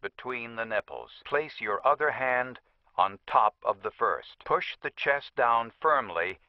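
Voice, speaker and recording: A man voicing a calm talking defibrillator, giving clear, clipped rescue instructions in a measured way. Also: medium pitch, dry recording, dull audio. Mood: calm, instructive. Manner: measured, imperative, clipped sentences. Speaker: defibrillator voice prompt. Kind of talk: spoken device instructions.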